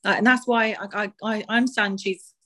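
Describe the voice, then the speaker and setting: A woman chats through sport as a podcast co-host. Her delivery is conversational and rambling, feeling its way through each thought at a medium pitch. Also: steady tone, fairly quick, fairly bright tone. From Essex, England. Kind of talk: casual sports discussion.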